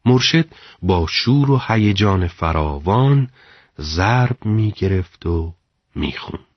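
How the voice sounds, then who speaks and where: A man narrating a story in a measured, dramatic storytelling delivery. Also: sits low, lively intonation, no room sound, muffled recording.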